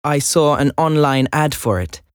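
A native Swedish actor takes the role of an earnest 16-year-old job applicant for a scripted listening dialogue. His slightly high voice is smooth, with lively intonation and a somewhat slow pace, recorded dry and close without room sound. He's hesitant and talkative, laughing nervously.

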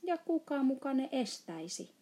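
A woman's voice: sits high, very animated, warm tone, voice pushed up. A woman voicing a big friendly male giant in a storybook reading, playfully mangling his words. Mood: emphatic.

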